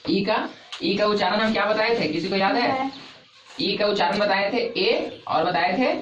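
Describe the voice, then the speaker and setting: A man's voice: high-pitched, moderate pace, fairly bright tone, lo-fi sound. A man teaching an English lesson to a class, repeating each point and asking the pupils questions. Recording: echoey classroom from far off, noisy.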